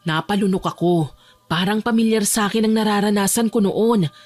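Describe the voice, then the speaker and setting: A young woman voicing a frightened young woman locked in a dark basement, tense and pleading as she narrates her own horror story. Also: mid-range voice, brisk, natural voice. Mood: hushed. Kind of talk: first-person horror story narration and dialogue. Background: faint music.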